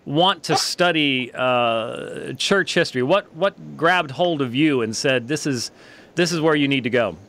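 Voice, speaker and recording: In a small, book-lined indoor studio, a fiftysomething American host conducts a casual interview into a close studio microphone. His voice is mid-range and a bit bright, and he speaks a little slowly.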